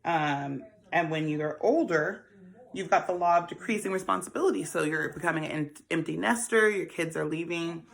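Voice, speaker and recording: A woman in her forties hosts a casual money-saving talk in a lowish, creaky voice at normal speed. She's chatty, laughs often, and calls her listeners honey and baby as she dispenses financial advice.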